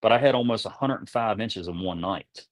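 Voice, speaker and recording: In a casual interview, a tournament kayak angler appearing as a guest tells rambling, folksy fishing stories, repeating words as he goes. His voice is lowish and brisk, and the recording is dry.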